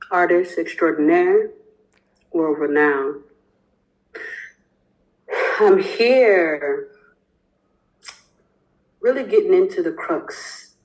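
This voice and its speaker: A woman interviewing the host on a podcast, talking in a lively, effusive way with many casual fillers. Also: deep voice, low-quality recording.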